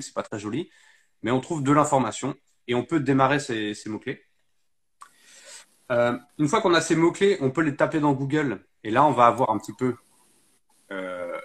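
Male guest, casual explainer with frequent "euh" pauses, mid pitch. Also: fairly bright tone. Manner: explains step by step, lots of hesitations. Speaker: SEO guest. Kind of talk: casual interview talk.

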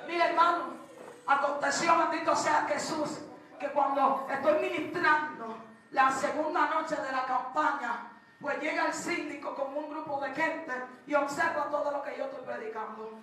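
A woman preacher, delivering a fervent sermon that swings between shouting and hushed testimony. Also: sits high, moderate pace, a little hiss or hum. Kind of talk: Pentecostal-style sermon. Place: large church hall. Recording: very echoey hall, distant mic, congregation.

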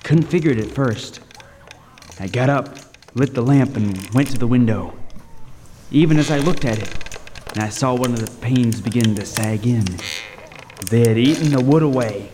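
Pausing often, a man with a mid-range, dark voice speaks at a moderate pace as a lighthouse keeper recounting a horror story in the first person. The lightly acted, dramatic narration is vivid and suspenseful, part of a radio table read. A roomy long reverb and faint noise color the recording.

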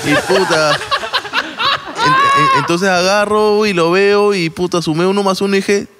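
A man's voice: sits high, very animated, measured pace, heavy background noise. A man with a Lima Peruvian accent telling a long, rambling story in casual chat, full of slang, swearing and restarts. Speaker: podcast storyteller.

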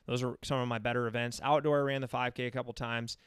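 A man's voice: medium pitch, little pitch movement, fast, smooth, no room sound, studio quality. An American man in his thirties talking casually and at length, telling anecdotes as an interview guest. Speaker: interview guest, running coach. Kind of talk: casual chat.

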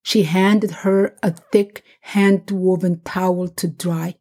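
A woman hosting a podcast, reading a scripted family story in a measured, gentle way. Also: lowish voice, fairly even intonation.

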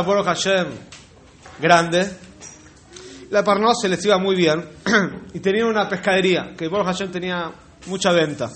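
A man's voice: high voice, a bit bright. A man telling a religious folk tale unhurriedly, repeating words and turning to his listeners with asides. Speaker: storyteller.

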